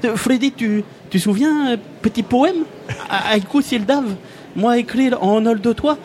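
A man's voice: very high-pitched, normal speed, darkish tone, slight background noise, voice pushed up. A man voicing a cheerful, naive male refugee from a made-up Balkan country, with a put-on foreign accent and broken French grammar in a comic radio sketch. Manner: broken French, dropped verbs and articles.

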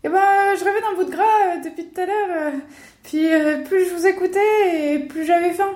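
A woman's voice: very high voice, brisk, a little mellow, echoey room. A woman voicing a cheeky, hungry little Christmas elf in an interactive audio adventure, playful and exclamatory. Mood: eager.

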